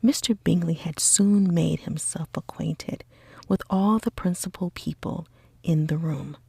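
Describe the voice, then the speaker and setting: A woman reading a story for sleep in a slow, gentle, breathy ASMR whisper. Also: lowish voice, no room sound. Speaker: audiobook reader for sleep.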